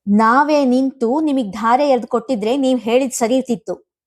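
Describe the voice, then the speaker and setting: A woman voicing a sharp-tongued, scornful sister-in-law who scolds loudly and quickly in a family storybook reading. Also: lightly acted. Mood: scolding. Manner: sharp, scolding, high-pitched.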